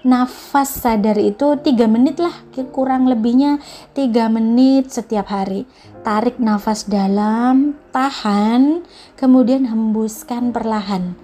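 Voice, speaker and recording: A woman giving a casual motivational talk, speaking gently and directly to the listener and mixing English phrases into her speech. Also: a little high, slow. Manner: mixes English phrases into Indonesian. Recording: soft background music.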